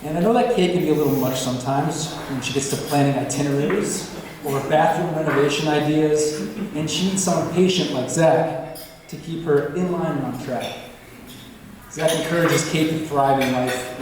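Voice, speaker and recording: A man's voice: fairly high pitch, noisy background. A man giving a prepared best man's speech to wedding guests. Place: large indoor reception venue. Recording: echoey hall, distant, loud crowd.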